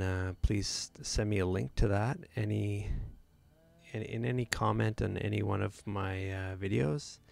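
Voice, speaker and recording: A man's voice: on the low side, vocal fry. A man hosting a live photo editing tutorial, talking casually with many fillers and restarts.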